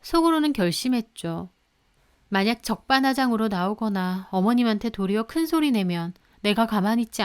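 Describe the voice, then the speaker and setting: A woman's voice: mid-range voice, clear, resonant tone. A woman narrating a scripted first-person story in a confiding, conversational way.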